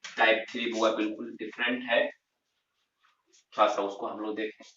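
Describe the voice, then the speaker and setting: A man's voice: fairly low pitch, level tone, sharp tone, a little hiss or hum. A man gives a grammar lesson, asking questions and answering them himself as he drills each term. He sounds set back from the mic. The room is echoey and the audio dull. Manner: repeats key terms, slow and emphatic, asks and answers himself. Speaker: English grammar teacher. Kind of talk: classroom lesson explaining grammar. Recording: roomy, distant, dull lo-fi sound.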